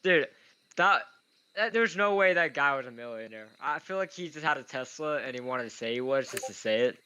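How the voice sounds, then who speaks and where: A man's voice: mid-range voice, animated, fairly quick, pushed and bright, clear, resonant tone, muffled recording. A young man who says w for r, giving casual, rambling, self-deprecating live commentary while he plays games. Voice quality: says w for r, speech impediment. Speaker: gamer commentating on own play.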